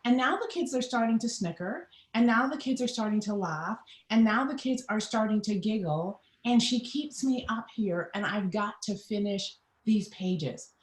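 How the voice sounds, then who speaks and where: Trinidadian woman, middle-aged, guest recounting her past with animated voices, echoey room. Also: medium pitch, normal speed, hardly any pauses. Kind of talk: personal storytelling in an interview. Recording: roomy echo.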